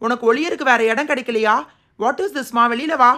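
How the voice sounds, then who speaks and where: Cartoon PE teacher, a strict man voiced by a woman, slightly high, stern scolding. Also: normal speed, a bit bright, lightly acted. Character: strict male school PE teacher. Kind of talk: cartoon voice acting.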